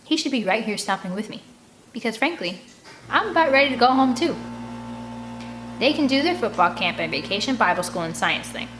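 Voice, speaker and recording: Reading a children's novel aloud in the first person, this audiobook narrator is animated and acts out the dialogue. Her voice is a little high and a little fast, broken by long pauses, with a slight hiss or hum on the recording.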